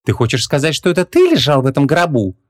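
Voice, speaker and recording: Man putting on a higher voice for a brash young woman, incredulous, quick, storybook heroine. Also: wildly swooping pitch. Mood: agitated. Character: bold, sharp-tongued young woman.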